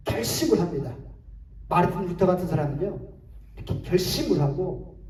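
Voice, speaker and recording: Animated male pastor in echoey church. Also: sits high, normal speed. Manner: animated, rhetorical questions, chuckling. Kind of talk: sermon. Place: church sanctuary. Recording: echoey hall, distant mic, faint hiss.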